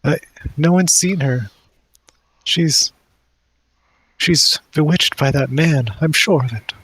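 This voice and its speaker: A man's voice: on the high side, takes it slowly, fairly bright tone, breathy edge, no echo, pitched above the performer's own voice, heavily acted. A man voicing a desperate weeping mother, pleading in a shaky voice. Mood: fearful. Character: weepy desperate mother searching for daughter.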